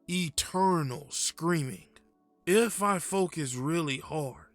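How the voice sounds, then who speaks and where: A man voicing a frightened, confused, haunted man telling a first-person horror story in a slow, hushed, uneasy way, with halting pauses. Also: a little high, no room sound, exaggerated voice.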